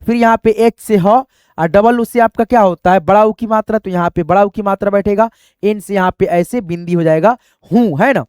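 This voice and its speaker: A man's voice: high voice, moderate pace, darkish tone, no room sound, studio quality. A man teaching a reading lesson, patiently repeating each step and addressing viewers as friends. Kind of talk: explaining a spelling lesson.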